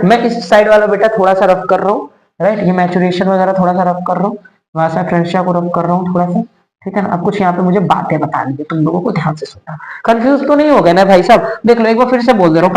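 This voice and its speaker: Young guy teaching bio, high voice, keeps repeating terms and quizzing the class, roomy echo. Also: fast. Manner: repetitive, coaxing, asks questions and answers them himself. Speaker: biology teacher. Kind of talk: explanatory lesson for exam students. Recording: echoey room.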